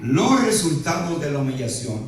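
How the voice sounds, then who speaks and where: A man's voice: fairly high pitch, sing-song, moderate pace, a little hiss or hum. A pastor preaching a sermon to his congregation, often tagging his sentences with a questioning aside and joking in between. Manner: peppers speech with "¿verdad?" and playful asides. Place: church sanctuary. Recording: very echoey hall, voice from far off.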